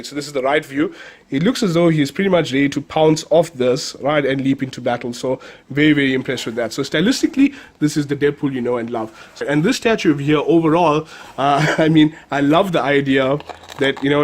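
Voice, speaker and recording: A man's voice: a little high, slight background noise. A man with a South African accent and a nasal voice from a cold, chatting casually through a collectible figure review, enthusiastic and given to repeating words.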